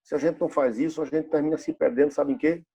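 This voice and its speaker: A man's voice: on the high side, fairly even intonation, fast talker, vocal fry, mellow, slightly rough. A pastor in his fifties preaching a sermon in a church, asking the congregation rhetorical questions and repeating key phrases. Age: 50s.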